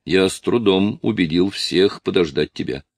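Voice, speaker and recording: A man's voice: low-pitched, normal speed, no room sound. A man voicing a loyal deputy officer who explains things earnestly.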